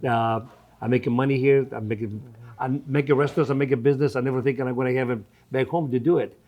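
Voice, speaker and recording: Speaking fast at a medium pitch with a steady tone, a man in his seventies from Greece is interviewed as a restaurant owner; the highs are cut off in the recording. A native Greek speaker, he talks conversationally with a Greek accent and non-native grammar and frequently repeats himself.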